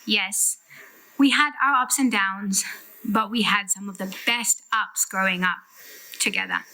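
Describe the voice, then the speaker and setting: A middle-aged woman delivering a prepared farewell speech with heartfelt, emphatic and deliberate phrasing. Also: medium pitch, bright, forceful tone, rough recording. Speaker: sister giving a farewell eulogy.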